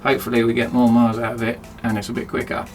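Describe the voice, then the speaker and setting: A man's voice: medium pitch, completely flat delivery, rapid-fire, darkish tone, faint music behind. A man chatting casually and self-mockingly as he rambles through a DIY project in his cramped home workshop. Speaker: DIY video host.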